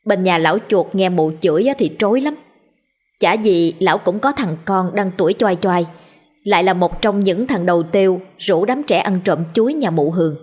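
A woman narrating a village story in a lively, colloquial storytelling manner. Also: lowish voice, moderate pace, husky.

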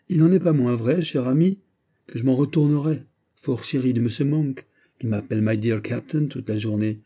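A man voicing a proud, witty Gascon musketeer, animated and wry, in an audiobook reading. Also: medium pitch, natural voice.

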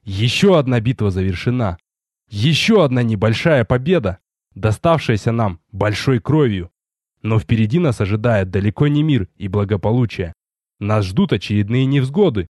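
A man reading a first-person audiobook as a measured, expressive narrator. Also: lowish voice, no room sound, studio quality.

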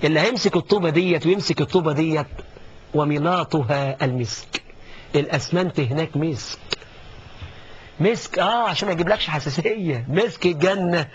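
Egyptian male preacher, higher-pitched, dramatic sermon delivery, dull low-fi recording. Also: fairly quick. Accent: Egyptian Arabic. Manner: dramatic, swings from hushed to rising exclamations. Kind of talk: colloquial sermon. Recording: dull lo-fi recording with faint noise.

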